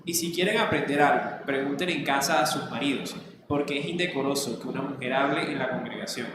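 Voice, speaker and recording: A man's voice: mid-range voice, fairly quick. Colombian man, student reader, far from the mic in a reverberant church hall. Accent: Colombian Caribbean. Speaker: student reading scripture aloud. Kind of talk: reading scripture aloud. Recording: echoey hall, far off, loud noise.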